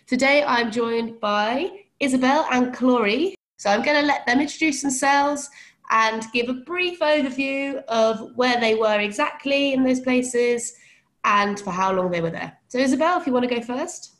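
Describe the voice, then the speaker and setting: A woman's voice: a little high, moderate pace, a bit bright. A woman hosting a casual podcast interview, speaking in an encouraging, chatty manner. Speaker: podcast host.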